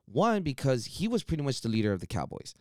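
A man in casual sports chat, blunt and animated, swearing freely as he gives his opinions. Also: mid-range voice, fast, no echo, studio quality. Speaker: podcast co-host.

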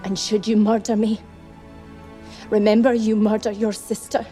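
An actress plays a young queen with a Scottish accent, defiant and solemn in a film drama. Her voice is dark and mellow and stays very even. Soft music sits faintly behind her. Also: mid-range voice, moderate pace, natural voice. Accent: put-on Scottish.

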